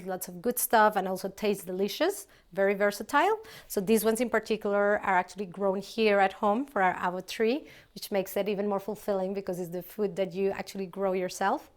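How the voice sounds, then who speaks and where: A middle-aged Colombian woman who founded a company presents a cooking recipe casually in a large open kitchen. She's chatty, with many ums and restarts, and her voice sits in the mid-range.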